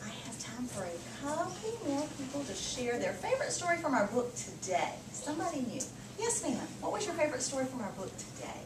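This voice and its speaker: Reading a storybook aloud and discussing it with children, a woman teacher speaks briskly with hardly any pauses, her high voice swinging widely in pitch. She repeats and affirms the kids' answers. The recording is echoey and noisy, from a distant microphone.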